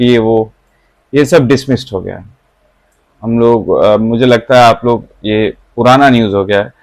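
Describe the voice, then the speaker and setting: A man in his thirties coaches exam candidates in casual Hindi laced with English phrases, going over each point twice. His voice sits at an ordinary middle pitch. It is recorded close and dry, with no room sound. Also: no room sound, poor audio. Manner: explanatory, mixes English into Hindi, repeats points.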